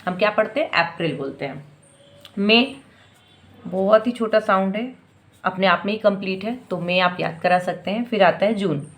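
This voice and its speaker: Lady teacher, sounds out every syllable slow and over again, mid pitch. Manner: sounds out syllables slowly and repeats them. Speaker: teacher giving parenting tips. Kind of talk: slow instructional lesson.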